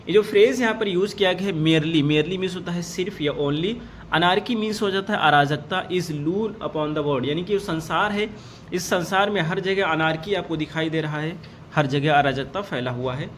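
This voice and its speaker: A man teaching an exam-prep lesson, reading each question slowly and then explaining the answer in Hindi. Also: high-pitched, a bit bright, a little hiss or hum.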